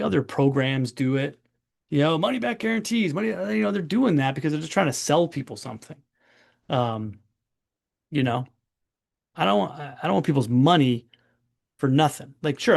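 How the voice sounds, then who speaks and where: A man's voice: mid-range voice, creaky. A man in his forties hosting a casual webinar Q&A as a doctor, chatty and long-winded. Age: 40s.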